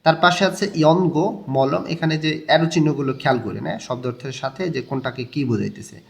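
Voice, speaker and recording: A young man with a Bangladeshi Bengali accent teaches a language lesson. He talks quickly in a slightly high voice, walking through each point and repeating the key words. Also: gravelly. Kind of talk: explaining a textbook lesson.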